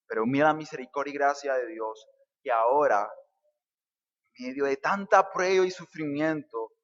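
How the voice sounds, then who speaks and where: A man's voice: medium pitch, big-room sound, muffled recording. A male pastor preaching a fervent sermon, asking rhetorical questions and calling his listeners brother. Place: church.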